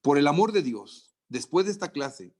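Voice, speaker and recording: Joking, theatrical lecturer. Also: male voice, a little high, normal speed. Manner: lively, joking, theatrical teaching with mock threats. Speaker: medical lecturer. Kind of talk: lecture to nursing students.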